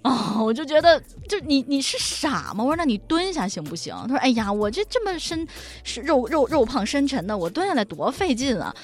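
A woman's voice: high-pitched, big pitch swings, brisk, hardly any pauses. A woman co-hosting a podcast, telling comic stories about her husband. She sounds exasperated and mock-complaining, and she laughs often. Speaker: podcast co-host. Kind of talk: casual chat, comic storytelling.

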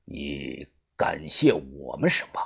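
A storyteller voicing an older male leader who speaks low, slowly, sometimes near a whisper. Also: sing-song, creaky, husky, exaggerated voice. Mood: grave. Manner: low, slow, half-whispered. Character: old man, gang leader, steady and grave.

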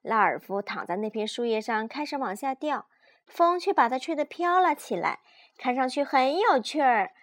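A young woman reads a picture book aloud to her child at bedtime. Her voice sits a little high, and her storytelling is gentle, patient and animated. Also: moderate pace. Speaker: mother reading a bedtime story.

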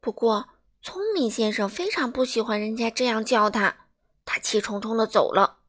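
A woman reading a children's picture book aloud in a lively, expressive, dramatic way. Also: fairly high pitch, moderate pace. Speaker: storyteller for children.

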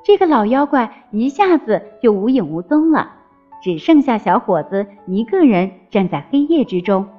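A woman narrating a fairy tale in an expressive storytelling manner. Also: a little high, moderate pace. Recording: slightly dull with faint music.

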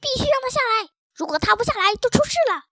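A shrill, thin-throated tomcat from a children's storybook, as a woman reads him, shouting warnings at the very top of a high voice. The sound is close and dry, with no room around it. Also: expressive, quick pace, no room sound, full character voice. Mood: alarmed. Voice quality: thin strained voice. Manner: shouting in alarm. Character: shrill wry-necked male cat, alarmist.

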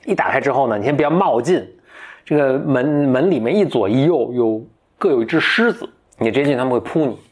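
A man's voice: medium pitch, lively intonation, fairly quick, darkish tone, slightly rough. A man voicing a cheeky, sly magical male dwarf from a fairy tale, who teases with wheedling questions. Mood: helpful.

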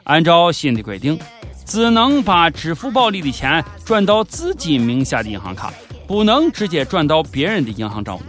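With a Shaanxi accent, this male host gives sardonic, mock-serious comedic news commentary from a script. His pitch is fairly high with big swings, the pace moderate and the tone a bit bright. Music plays underneath.

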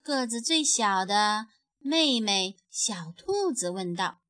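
A woman reading a picture book aloud, gentle and expressive, letting her voice fall softly at the end of sentences. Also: medium pitch, slow, dry recording. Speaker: storyteller.

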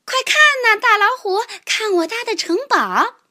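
A woman voicing a tiny, defiant mouse who shouts in high outbursts, in a children's storybook reading. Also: sing-song, normal speed, full character voice. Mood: proud.

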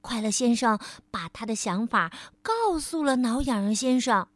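A woman storyteller reading a picture book aloud to a child, gently addressing the listener as darling. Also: fairly high pitch, animated, normal speed, no room sound.

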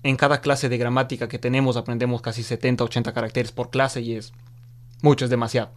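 A young man from Ecuador, a student of Chinese, talking relaxed and chatty as an interview guest, laughing easily. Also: mid-range voice, fast talker. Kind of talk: casual interview conversation.

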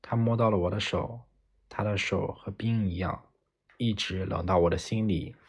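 Husky low-voiced male audiobook narrator. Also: fairly even intonation, normal speed. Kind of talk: first-person novel reading.

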